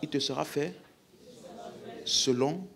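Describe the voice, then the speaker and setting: A man's voice: on the high side, slow pace, creaky, crowd noise. A man with a French accent preaching a healing-service sermon, emphatically calling out questions to the congregation.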